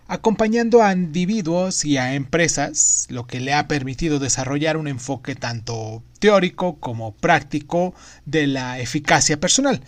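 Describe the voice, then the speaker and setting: Guy podcast host w a kinda high voice, reading out a book summary, punches certain phrases. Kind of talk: semi-scripted narration of a book summary.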